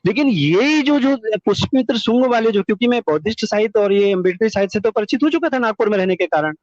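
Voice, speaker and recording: Through dull, lo-fi phone audio, a middle-aged guest tells his life story in an earnest, wordy way, repeating words for emphasis. His high voice is expressive and darkish in tone, and he talks fast on a dry recording.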